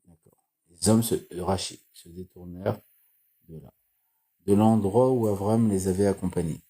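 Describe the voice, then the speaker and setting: A man reading and explaining Torah commentary in a slow, halting way, with restarts and repeated phrases. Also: low voice, warm tone. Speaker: Torah teacher.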